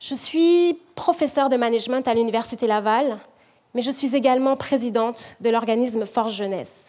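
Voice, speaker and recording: A woman from French Guiana, a management professor, giving a measured, reflective prepared talk to an audience. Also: on the high side, darkish tone.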